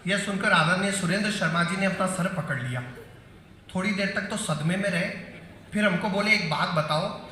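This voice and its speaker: A man's voice: high-pitched, normal speed, bright, forceful tone, slight background noise. A man performing as a satirical poet in a live comic poetry recital, bantering with the audience on stage. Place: large hall on stage. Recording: echoey hall, faint crowd.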